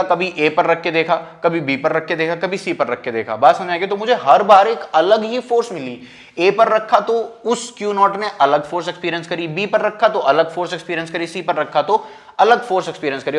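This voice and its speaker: A man teaching a physics lecture, talking informally and keeping on asking whether the students understand, then slowing down to dictate definitions word by word. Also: high-pitched. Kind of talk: classroom lecture, mixing Hindi and English.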